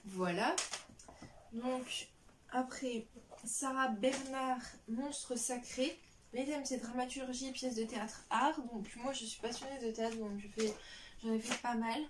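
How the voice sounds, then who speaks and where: A woman's voice: fairly high pitch, fairly even intonation, a little slow, recorded from a distance, noisy background. Chatty young woman, a bit off-mic. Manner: chatty, rambling, lots of fillers and restarts. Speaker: book vlogger. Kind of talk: casual chat.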